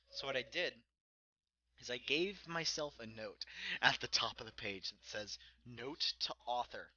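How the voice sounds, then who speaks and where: A young man reads aloud, alone, from a story he wrote as a child, laughing and commenting as he goes. His medium-pitched voice is expressive, bright and forceful at an unhurried pace, and he pokes fun at his old writing, though the audio sounds dull.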